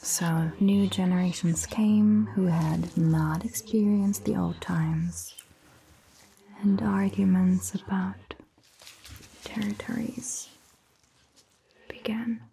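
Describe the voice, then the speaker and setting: In an ASMR roleplay, this woman takes the part of a vampire doctor who is calm and attentive, using a soft, breathy whisper and gentle, measured phrasing. Her pitch is medium, with a little hiss or hum audible.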